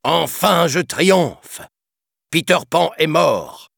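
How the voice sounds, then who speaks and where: A man's voice: fairly low pitch, moderate pace, husky, dry recording, studio quality, pitched above the performer's own voice. A man voicing a sly, vengeful pirate captain in a storybook reading, honeyed and scheming, then gloating.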